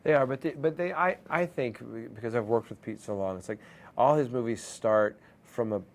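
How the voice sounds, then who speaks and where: A film producer answering interview questions in a relaxed, thoughtful, explanatory way. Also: male voice, medium pitch, moderate pace, a little hiss or hum.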